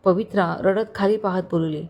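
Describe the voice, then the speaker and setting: A woman storyteller narrating a dramatic family story, expressive and vivid. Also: normal speed. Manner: expressive, voices characters with rising pitch in tense moments.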